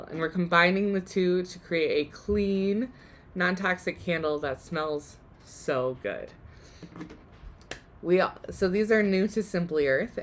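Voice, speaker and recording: A woman host losing her voice, giving a chatty, upbeat live DIY demonstration. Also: on the low side. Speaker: workshop host.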